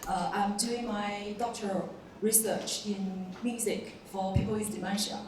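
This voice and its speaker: A Chinese woman in her thirties, a doctoral student, introduces herself on a panel in a friendly, joking, slightly nervous manner. Her medium-pitched voice is steady in tone and a little slow. She's in a large conference hall, recorded on a distant mic with echo and some noise.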